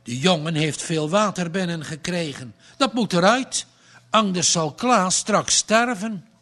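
A man narrating a storybook aloud with a slow, dramatic read-aloud delivery. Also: sits high, sharp tone.

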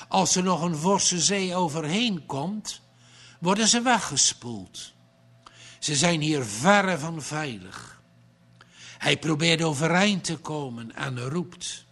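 Slow, dramatic male storyteller. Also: fairly high pitch, a bit bright. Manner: slow, dramatic read-aloud delivery. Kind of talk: storybook narration.

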